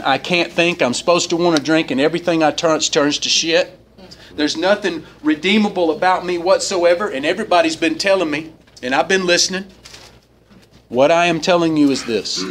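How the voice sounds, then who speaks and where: Casual: guy giving his recovery testimony in a meeting hall, pitch jumps way up when he acts stuff out, bit of background noise. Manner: animated storyteller, swings up in pitch for quoted voices. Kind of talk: personal testimony talk.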